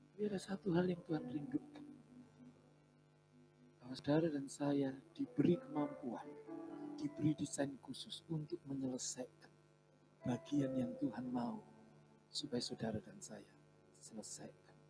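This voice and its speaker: Male pastor, high gravelly voice, lively storytelling sermon. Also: a little slow, pauses often, music in the background, low-quality recording. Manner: animated storytelling, slipping into Javanese phrases.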